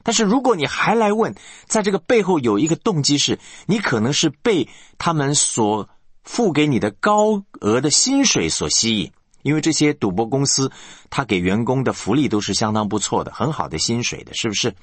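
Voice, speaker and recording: A man's voice: medium pitch, very animated, moderate pace, breathy edge, dry recording. A male pastor preaching a sermon, asking the congregation rhetorical questions.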